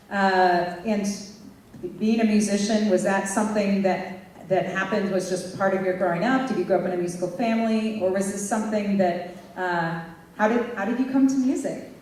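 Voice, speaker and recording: A woman's voice: medium pitch, normal speed. A woman interviewing a guest on stage, speaking with many fillers and restarts. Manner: warm, hesitant, many fillers. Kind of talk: onstage interview. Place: conference hall stage. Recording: roomy hall sound from far off, faint noise.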